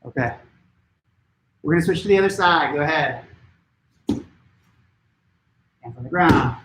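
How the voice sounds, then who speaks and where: A man teaching a martial arts class at home, giving brisk step-by-step coaching cues to follow along. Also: fairly high pitch, fairly bright tone, roomy sound, a little hiss or hum, poor audio. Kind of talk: live-streamed class instruction. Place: home training room.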